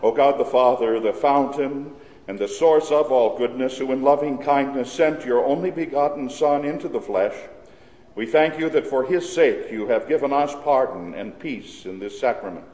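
A man officiating as priest, intoning a prayer and blessing slowly and solemnly, his voice carried by a cathedral echo. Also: mid-range voice. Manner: slow, measured, solemn intoning. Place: large church. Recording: echoey cathedral, organ music behind.

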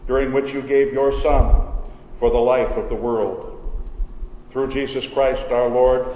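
A man leading a communion service as pastor, praying in a slow, measured, reverent way, his voice ringing with cathedral echo. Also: mid-range voice, warm tone. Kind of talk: solemn liturgical prayer. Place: large church sanctuary. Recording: echoey church hall with long reverb.

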